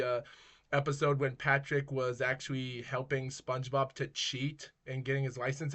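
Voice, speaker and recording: A man's voice: medium pitch, sharp tone. A man telling viewers a personal street story in a rambling, casual vlog style, restarting sentences and often calling them guys. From Maine, United States.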